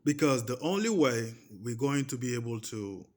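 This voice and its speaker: Speaking English with a Portuguese accent, a vlogger in his thirties, Portuguese by first language, gives a casual personal monologue. His mid-range voice is expressive with a darkish tone at normal speed, and he pushes his points emphatically, restarting phrases and tossing in checks like "okay?"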